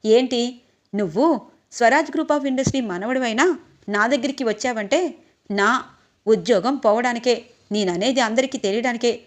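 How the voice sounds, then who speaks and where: A woman's voice: a little high, normal speed, long pauses, slight background noise, lightly acted. A woman reading as an irate male boss. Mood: angry. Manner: angry.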